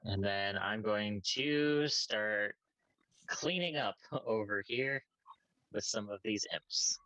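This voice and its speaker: A man's voice: on the low side, slow, bright, forceful tone, no room sound, rough recording. A man playing a tabletop role-playing game, talking casually through his moves.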